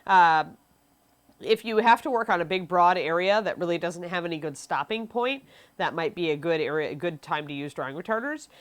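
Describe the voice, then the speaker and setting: A young woman with a fairly low, animated, smooth voice talks at a normal speed, sounding sniffly and stuffy from allergies. She's a miniature painting instructor running a live tutorial, chatty and full of ums as she reads chat questions aloud and answers them.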